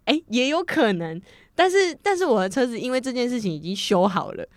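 A woman's voice: a little high, big pitch swings, a little fast, no echo. Young taiwanese woman rambling through a story, does little voices for both sides, dry close mic. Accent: Taiwanese Mandarin. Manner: chatty storyteller who acts out both sides of arguments, laughing often. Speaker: podcast co-host. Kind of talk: casual chat.

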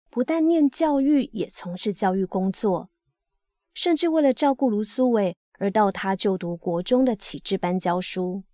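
A woman reading a life story aloud as scripted narration, in a steady, even storytelling manner. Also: mid-range voice, no echo, studio quality. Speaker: reader.

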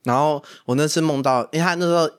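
A young man with a Taiwanese Mandarin accent, telling dream stories in a casual podcast chat, animated and often laughing. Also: fairly high pitch, fast talker, clear, resonant tone. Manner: animated storyteller, laughs a lot. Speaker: podcast host.

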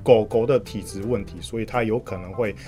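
A man with a Taiwanese accent chats casually as a podcast guest, in a halting way, often repeating short words of agreement in quick bursts. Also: on the low side, warm tone. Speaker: guest market commentator. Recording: music playing under the talk.

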